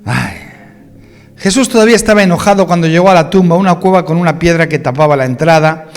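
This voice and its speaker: A pastor, preaching a sermon in a lively way that speaks directly to his congregation with questions and jokes. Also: a little high, quick pace, long reverb tail, soft background music. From Spain. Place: church hall.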